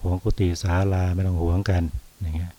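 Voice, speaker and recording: A Buddhist monk from Thailand giving a dhamma talk, unhurried, often pausing on soft particles and repeating phrases. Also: male voice, low voice, flat delivery, breathy edge. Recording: dull lo-fi recording.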